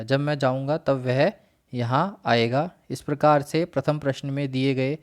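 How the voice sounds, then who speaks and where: Guy teaching a worksheet lesson, reads out word lists nice and slow, middle pitch. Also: clear, resonant tone.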